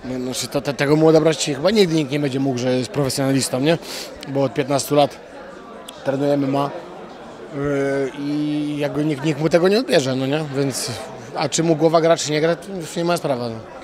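Young man, fighter, halting speech, fillers and restarts, slightly high voice, handheld mic outdoors. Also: steady tone, a crowd in the background. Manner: halting, many fillers and restarts, blunt slang. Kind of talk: post-fight interview. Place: outdoors at an event press wall. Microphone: handheld reporter mic.

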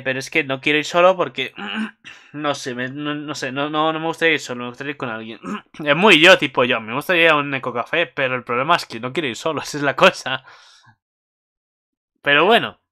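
Bright, gushing young man. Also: smooth. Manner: gushing, bursts into high squeals and shouts. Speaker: anime commentator. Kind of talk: excited casual recap.

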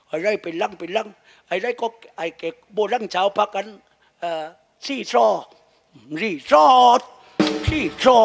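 A man with a Southern Thai accent, a shadow puppet master telling crude comic stories with jokes and laughs. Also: high-pitched. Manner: crude, joking storytelling with laughs.

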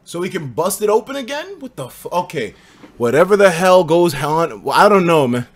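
An American man in his twenties chatting and reacting casually on a livestream, expressive, slangy and profane. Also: high voice, moderate pace. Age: 20s. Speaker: livestreamer reacting to videos and reading chat. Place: indoor streaming room.

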